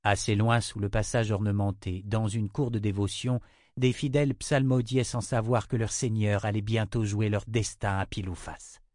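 A man reads a novel aloud in a steady, literary audiobook style. His voice sits low and calm. The recording is dry, with no room sound at all. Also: normal speed, no echo. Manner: even, literary reading. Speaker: audiobook narrator. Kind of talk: scripted narration.

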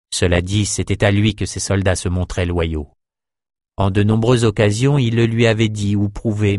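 A man narrating a fantasy novel in a steady, measured audiobook reading. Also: on the low side, no room sound, studio quality.

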